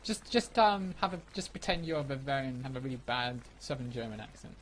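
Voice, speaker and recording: A man's voice: medium pitch, expressive, fairly quick. A man chatting casually with friends over voice chat during a game, stumbling and repeating words as he talks. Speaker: gamer in voice chat. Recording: noisy voice chat mic.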